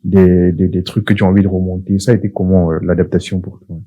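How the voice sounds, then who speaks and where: A man with a very deep voice hosts a casual podcast. He talks in a measured, reflective way, often pausing and hesitating as he shapes his questions. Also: flat delivery, narrow, tinny audio. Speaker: podcast host.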